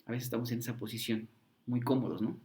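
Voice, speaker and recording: Animated preacher, man. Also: medium pitch, fast talker. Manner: animated, acts out crowd voices with slang. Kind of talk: sermon.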